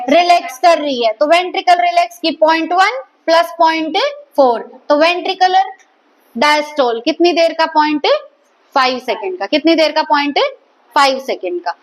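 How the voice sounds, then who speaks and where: A woman's voice: very high-pitched, moderate pace. A woman teaching a biology lecture, repeatedly quizzing her students and echoing their answers. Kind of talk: classroom lecture.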